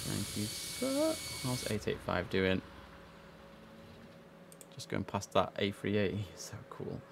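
A man with a croaky early-morning voice, chatting on a live stream while giving air traffic control calls. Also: on the low side, little pitch movement, unhurried. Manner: chatty, mixes slang with controller phraseology. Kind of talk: casual live-stream commentary with radio calls.

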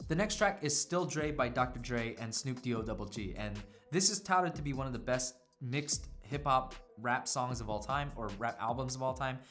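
A man's voice: mid-range voice, a bit bright. A man giving a casual product review, enthusiastic and fond of imitating sounds with his voice. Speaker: tech reviewer.

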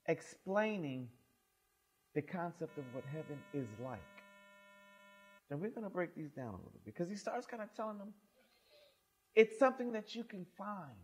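A middle-aged man, a pastor, reading scripture and preaching a sermon in a small church sanctuary, swinging expressively between loud and soft. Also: high-pitched.

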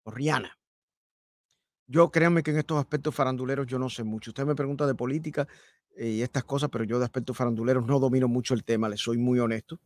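This is an older man on live talk radio, working a studio mic with headphones on. He talks quickly in a mid-range voice with fairly even intonation, no echo, and he hammers home key phrases by repeating them.

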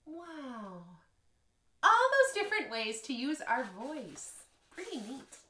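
A woman's voice: high voice, sing-song, slow pace, pushed and bright, a little hiss or hum. Sing-song woman teaching children music. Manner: playful, sing-song, exaggerated. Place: living room at home. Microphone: camera across the room. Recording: echoey living room.

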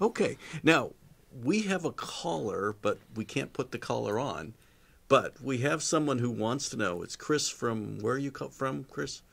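A man's voice: medium pitch, expressive, measured pace, gravelly, a bit bright. A man hosting a podcast, asking questions and steering a casual chat. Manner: leads the talk, asks questions. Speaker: podcast host.

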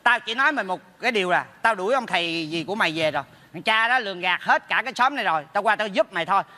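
A man's voice: high-pitched, animated, pushed and bright, exaggerated voice. A man playing a meddling neighbor in a stage comedy sketch, brash and teasing. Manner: brash, teasing, rapid scolding. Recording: stage hall with long reverb.

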